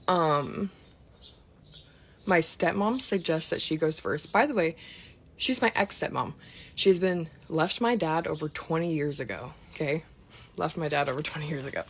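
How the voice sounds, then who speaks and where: A woman telling a rambling, profane personal story for her vlog, sitting on her bed at home. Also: low voice. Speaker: vlogger.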